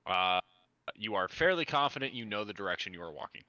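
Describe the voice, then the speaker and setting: A man runs a tabletop game, narrating in a relaxed way with plenty of hesitations. His voice is low yet bright and forceful. The audio is dry and dull, like lo-fi stream sound. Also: fast, dry recording. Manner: relaxed narration with frequent 'um' and 'uh'. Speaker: game master.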